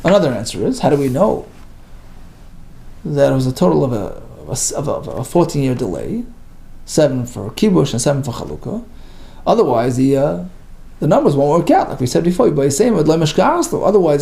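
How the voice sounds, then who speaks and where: A lively, gravelly man with a fairly high pitch teaches the daily Talmud page at normal speed. He reads Hebrew and Aramaic phrases and then translates and explains them, emphatically.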